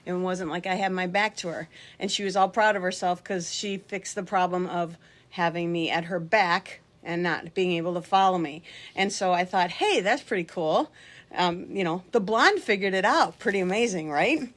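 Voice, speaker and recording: A woman's voice: fairly low pitch, normal speed, fairly bright tone. A middle-aged woman and line dance instructor, talking casually and jokingly to camera from her home basement. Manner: talkative, joking, acts out voices in her anecdotes. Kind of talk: casual chatty tutorial to camera.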